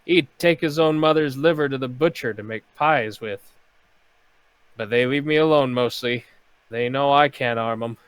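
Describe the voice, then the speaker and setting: A weary ship's cook , played by a man running the game, grumbles about the crew in a muttering way. His voice sits at an ordinary middle pitch. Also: moderate pace, clean tone, no room sound, natural voice. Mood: grumbling.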